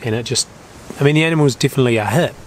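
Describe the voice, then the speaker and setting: A man's voice: medium pitch, rapid-fire. A man with a broad New Zealand accent talking casually and in a laid-back way to camera as a hunting vlogger outdoors. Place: outdoors in bush and hilltops. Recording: noisy outdoor ambience.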